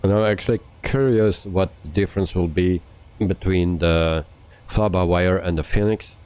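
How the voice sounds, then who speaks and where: A man with a very low, dark voice talks casually to his live-stream viewers. He keeps a relaxed, chatty pace and stops often to hesitate mid-sentence. His tone stays soft and unhurried. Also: clear, resonant tone, low-quality recording. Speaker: flight sim livestreamer.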